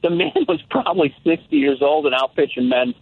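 A man in his sixties phones a talk show, his gravelly, husky voice on the high side and fairly quick. He chats casually and reflectively with plenty of restarts, over a tinny line.

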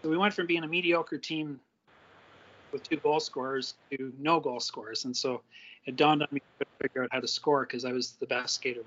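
A man's voice: medium pitch, steady tone, moderate pace, fairly bright tone. A man telling a story in a casual, rambling way with many "uh" fillers, his voice clipping and distorting on a remote mic. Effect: clipping, distorted mic audio. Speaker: interview guest. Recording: dull lo-fi remote mic that clips.

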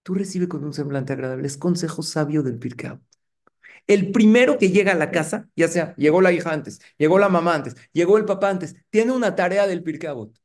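A middle-aged man, a rabbi giving a lively sermon and putting rhetorical questions to his congregation. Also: on the high side, fairly quick. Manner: engaging, asks the audience rhetorical questions.

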